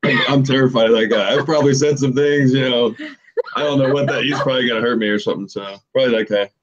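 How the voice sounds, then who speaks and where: A man's voice: medium pitch, fairly even intonation, fast talker, lo-fi sound. A man guesting on a podcast, joking around in a laid-back way. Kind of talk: casual podcast chat.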